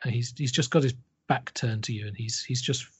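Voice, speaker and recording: A man narrating a tabletop horror game as game master, in a halting way full of repeated words. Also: mid-range voice, fairly bright tone, breathy edge, dull audio.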